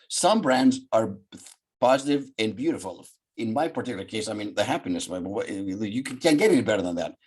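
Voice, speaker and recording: An older man from Greece, a psychologist guest telling a story on a video call from his home office, in an animated, gesturing way. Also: medium pitch, slightly rough. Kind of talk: storytelling interview.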